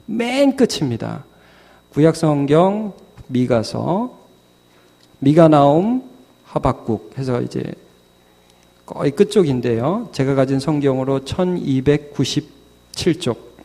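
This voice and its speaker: A man preaching a Sunday sermon, animated, with his voice swinging from low and quiet to high and forceful. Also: slow, vocal fry, long pauses. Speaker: pastor. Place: church sanctuary. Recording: long hall reverb.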